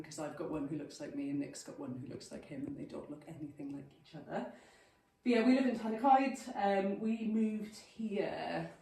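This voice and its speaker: A Welsh guest speaker in her thirties gives an informal talk to a village group, chatty and self-deprecating, in a low, mellow voice. She was recorded from some distance in a very echoey hall.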